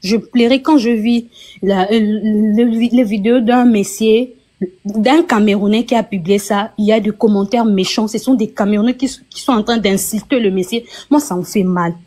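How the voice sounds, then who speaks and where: A woman's voice: mid-range voice, fairly even intonation, moderate pace, dark tone. A woman from Kinshasa speaking as a guest on a live-stream debate, emotional and insistent, with a voice that trembles. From DR Congo, Kinshasa. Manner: shaky, emotional, apologetic, insistent.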